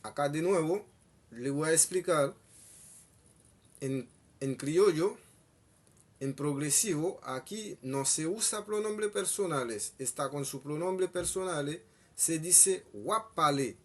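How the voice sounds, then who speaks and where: A man teaching a language lesson, saying each phrase twice, slowly and deliberately. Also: fairly high pitch, expressive, a bit bright. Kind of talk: slow bilingual language lesson.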